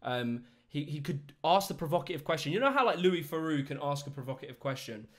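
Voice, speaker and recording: Brief: young British male host, chatty storyteller, slightly high-pitched, laughs a lot. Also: brisk. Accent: British English. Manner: animated storyteller, laughs often, does mock voices. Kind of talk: casual chat.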